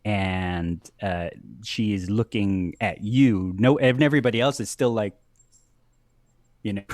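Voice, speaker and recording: A man narrating a tabletop game as game master, halting with many restarts and frequent laughter. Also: fairly low pitch, a little mellow.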